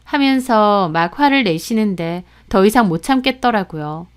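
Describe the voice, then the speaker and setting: A young woman calmly narrating a first-person story in a conversational tone. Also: mid-range voice, normal speed, smooth.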